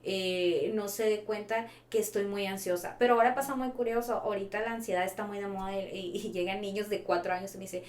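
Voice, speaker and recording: A woman's voice: mid-range voice, fast talker, hardly any pauses. Woman therapist, roomy sound. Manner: explanatory, animated when imitating patients. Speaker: child therapist. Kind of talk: casual podcast conversation. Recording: roomy echo, faint background noise.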